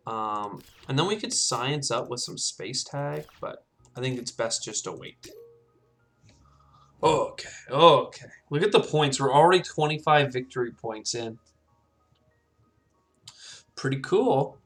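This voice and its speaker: A man's voice: mid-range voice, unhurried, long pauses, fairly bright tone, soft background music. Man thinking aloud over a game. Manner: thinks aloud, talks himself through choices. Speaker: gameplay commentator. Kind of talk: casual let's-play commentary.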